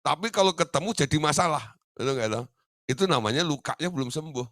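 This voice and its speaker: A male pastor preaches with a bright, animated voice that jumps between high and low. He chuckles often and acts out people's reactions. The sound is dry and close. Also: fast talker, dry recording. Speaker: pastor teaching a discipleship class. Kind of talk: sermon.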